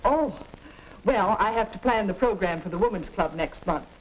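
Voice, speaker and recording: A woman's voice: mid-range voice, animated, moderate pace, natural voice. A woman playing a busy, contented housewife and mother in a chirpy, proper 1950s educational film style. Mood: busy, pleased. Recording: noisy 1950s film soundtrack.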